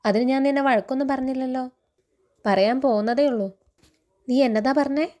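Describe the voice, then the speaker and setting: A woman reading the lines of a stern father who scolds and teases his daughters, in a steady recounting tone. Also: high voice, brisk, close to an everyday voice. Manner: stern, threatening.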